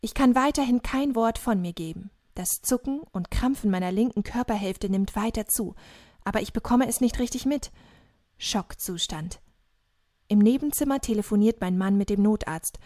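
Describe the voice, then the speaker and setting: A woman narrating an audiobook calmly and earnestly. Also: medium pitch, normal speed, no room sound, clean studio sound. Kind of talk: scripted narration.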